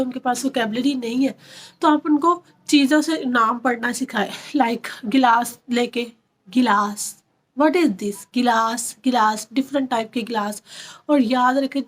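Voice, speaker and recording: Earnest woman. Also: high voice. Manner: earnest, repeats phrases, frequent fillers. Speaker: parent vlogger. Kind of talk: casual advice talk to parents.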